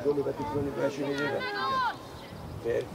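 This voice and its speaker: A man coaching a youth football team, shouting instructions to players from the sideline of an outdoor pitch, picked up by a distant camera microphone. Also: flat delivery, creaky. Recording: far-off outdoor match recording. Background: crowd at a youth match.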